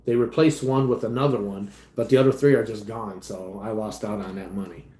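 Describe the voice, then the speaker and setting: A man hosting a casual livestream, rambling as he reads chat comments and trails off quietly at the ends of his thoughts. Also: on the low side, fairly even intonation, fairly quick. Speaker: livestream host and delivery driver. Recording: echoey room.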